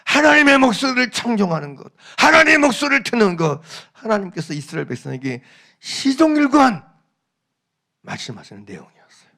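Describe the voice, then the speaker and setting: A male pastor delivers a sermon in a bright, ringing voice. He talks with emphasis, repeats his key phrases and quizzes the congregation. His tone stays lively and animated throughout. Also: very high voice, fairly quick, creaky.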